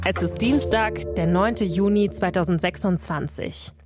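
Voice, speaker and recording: A woman hosting a news podcast, presenting a radio feature in a calm, measured, scripted way. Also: lowish voice, loud music behind the voice. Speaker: podcast host.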